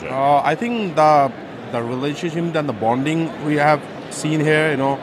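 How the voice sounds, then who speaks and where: Man, halting and earnest, loud noise behind. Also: fairly high pitch. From Bangladesh. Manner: hesitant, repeats "you know". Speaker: content manager. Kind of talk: vox pop interview.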